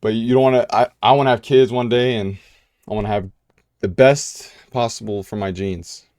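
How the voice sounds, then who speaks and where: Recorded dry in studio quality, this young man from the United States speaks at medium pitch with a steady, darkish tone and normal speed. He's answering viewer questions in a laid-back vlog, rambling with plenty of fillers, "you know"s and false starts.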